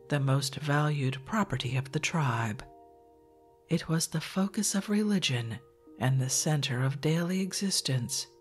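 A narrator reading a text under their breath in a soft, partly whispered ASMR style. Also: mid-range voice.

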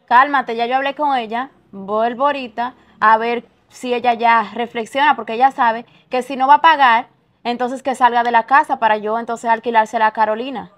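A woman playing a worried wife who tries to calm her husband down, with a pleading manner. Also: fairly high pitch, normal speed, natural voice. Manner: pleading, calming. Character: worried wife, house owner. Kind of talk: amateur drama acting.

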